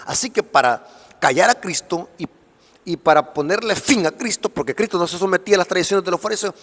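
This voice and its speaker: A man preaching a sermon-style Bible lesson, emphatic, alternating loud stressed phrases with quieter explanation. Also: high-pitched, a little fast, in a large hall.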